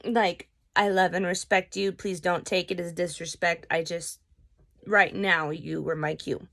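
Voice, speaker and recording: A young adult woman vlogger tells a story in a casual, animated way and swears freely. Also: lowish voice, unhurried, vocal fry. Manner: animated, profane, chatty.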